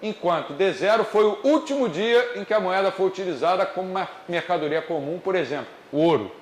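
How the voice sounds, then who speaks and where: A man's voice: high voice, animated. Brazilian male lecturer in an echoey room. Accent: Brazilian Portuguese. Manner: explains step by step, deliberately slow on key points. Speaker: economics lecturer. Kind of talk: classroom lecture. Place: classroom. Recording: echoey classroom, faint noise.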